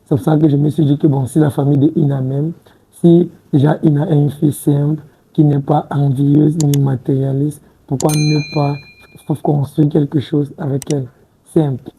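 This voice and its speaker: A man's voice: on the high side, flat delivery, normal speed, mellow, a little hiss or hum, poor audio. A man in his twenties, a guest in a studio interview, talking casually and hesitantly, restarting words and often adding "tu vois un peu". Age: 20s. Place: TV studio set.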